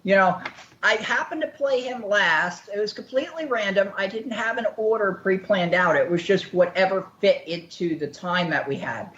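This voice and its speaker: A woman's voice: medium pitch, moderate pace, a bit bright, highs cut off. A woman hosting an online radio show, chatting casually and rambling with frequent laughs and jokes. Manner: giggly, rambling, jokey.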